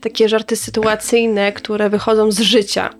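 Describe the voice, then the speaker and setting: A woman co-hosting a casual chat, thoughtful and thinking aloud with short pauses. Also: mid-range voice, level tone. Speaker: podcast co-host.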